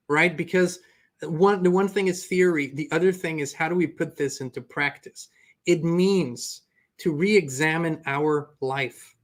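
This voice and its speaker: A man's voice: a little high, a bit bright. A man hosting an earnest, reflective spiritual motivational talk. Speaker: host.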